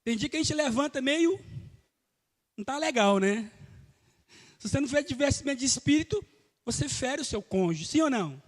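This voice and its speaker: A man's voice: extremely high pitch, animated, a little fast, long pauses. A man preaching a live church sermon as pastor, emphatic and calling out to the congregation. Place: church hall. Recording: reverberant church hall.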